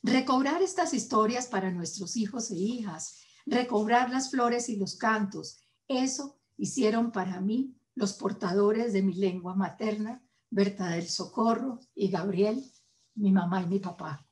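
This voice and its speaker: In a medium-pitched voice with a darkish tone, a woman hosting an event reads a formal scripted address. She has a Colombian Spanish accent and keeps a measured, solemn delivery punctuated by deliberate pauses.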